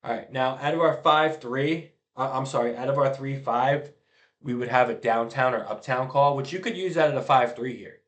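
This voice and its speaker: Explaining blitz schemes over a diagram in a relaxed way, a middle-aged man who coaches youth football tends to trail off softly as phrases end. His voice is mid-range and his pace normal.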